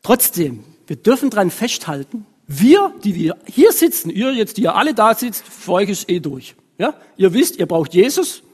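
Husky woman preaching. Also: medium pitch, very animated, moderate pace, hardly any pauses, a little mellow. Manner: conversational, frequent tag questions. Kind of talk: sermon. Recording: long reverb of a hall.

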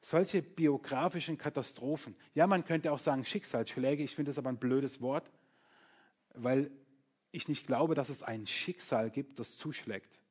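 A man preaching a sermon in German, earnest and pastoral, speaking directly to his listeners and often falling quiet on heavy words. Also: medium pitch, a little slow, husky.

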